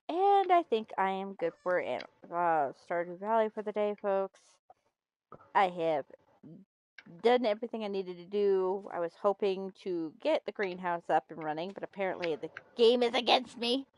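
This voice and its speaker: A woman's voice: medium pitch, expressive, moderate pace, a little mellow, no echo. A middle-aged woman hosting a game stream, chatting casually and telling stories with playful emphasis. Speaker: gaming host.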